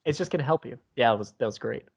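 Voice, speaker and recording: A man's voice: mid-range voice, expressive, rapid-fire, gravelly, slightly rough. Male podcast co-host, lo-fi sound, loose rambling delivery. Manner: rambling, restarts often, teasing. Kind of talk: casual chat. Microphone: remote call setup.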